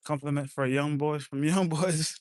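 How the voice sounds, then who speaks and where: A man's voice: fairly high pitch, steady tone, moderate pace, clean tone, dry recording. A man from France, chatting casually and bluntly, swearing now and then. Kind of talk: casual chat.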